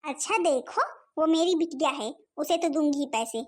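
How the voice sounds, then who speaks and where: A woman voices a stingy old village grandmother who scolds and refuses everyone in a home-made cartoon. Her sharp-tongued nagging comes out in a very high, thin voice. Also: moderate pace, lightly acted. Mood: scolding.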